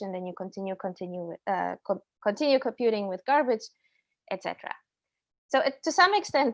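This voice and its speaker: A woman in her thirties, originally from Slovakia, presents a technical talk over a video call. She explains in a clear, step-by-step way, with the odd um and restart. Her voice sits at a middle pitch for a woman. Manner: clear, explanatory, with frequent ums and self-corrections. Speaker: invited speaker. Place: indoor room at home or office.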